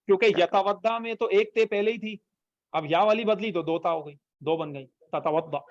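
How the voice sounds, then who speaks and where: A man's voice: high-pitched, dry recording, dull audio. A man teaching an online language class, patiently repeating phrases for students to copy. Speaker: Arabic teacher.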